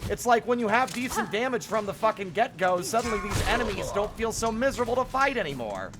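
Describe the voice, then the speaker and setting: A man's voice: sits high, sing-song, fast talker. A man streaming a video game, chatting loosely and swearing freely as he plays. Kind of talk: casual live gameplay commentary. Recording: game music behind.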